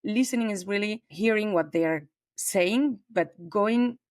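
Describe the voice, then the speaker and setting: A woman in her forties from southern Spain, speaking with a Spanish accent, is a talkative podcast guest on a remote call in a conversational interview. Her medium-pitched voice moves a little slowly; she's warm and expansive with frequent fillers, and the sound is echo-free studio quality.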